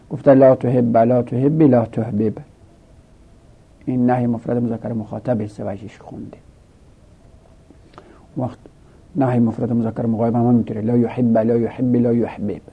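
Male grammar teacher, husky and gravelly, methodically reciting forms; lo-fi phone-like sound. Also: mid-range voice, flat delivery, long pauses. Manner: methodical, reciting conjugation tables. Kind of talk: classroom grammar lesson. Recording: tinny phone-like lo-fi recording.

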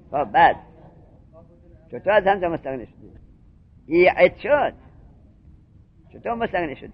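A man's voice: high voice, gravelly, slightly rough. A man teaching a seminary grammar class, who drills his students with questions and repeats each point. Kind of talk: classroom lecture on Arabic grammar. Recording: muffled lo-fi lecture recording.

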